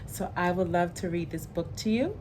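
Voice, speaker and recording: Over some background noise, a woman with a lowish voice reads a picture book aloud to young children, expressive and deliberate, stopping to explain things in simple words.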